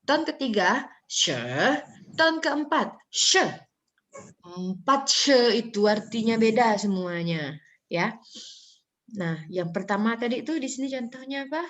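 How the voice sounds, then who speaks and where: A woman's voice: on the high side, expressive, unhurried, fairly bright tone. Woman lecturer, dull audio. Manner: mixes Indonesian with English, demonstrates tones aloud. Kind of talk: online phonology lecture.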